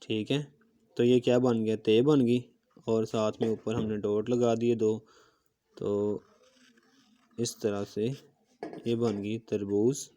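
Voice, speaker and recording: Male calligraphy teacher, soft dark voice, walks students through each stroke patiently. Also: lowish voice, level tone, slow pace, pauses often. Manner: patient step-by-step explaining, often checking in with "okay"; talks while demonstrating strokes with a marker. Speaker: handwriting teacher. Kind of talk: recorded calligraphy lesson.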